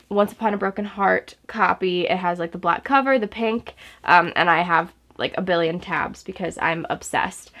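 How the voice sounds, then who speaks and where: A young book vlogger films a casual book haul at home in front of her bookshelves, sounding slightly stuffy from a sore throat. She gushes enthusiastically and chats with plenty of fillers, in a medium-pitched, somewhat bright voice with vocal fry.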